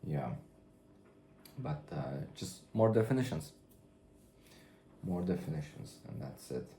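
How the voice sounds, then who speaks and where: A man talking through his drawing work in a rambling way, now and then yelling toward a camera set far away. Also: rumbling low, sing-song, takes it slowly, a little hiss or hum. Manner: musing, trails off, then loud mock drill-sergeant yelling. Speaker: artist narrating his drawing process. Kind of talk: rambling studio commentary. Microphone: far camera mic. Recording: echoey room from far off.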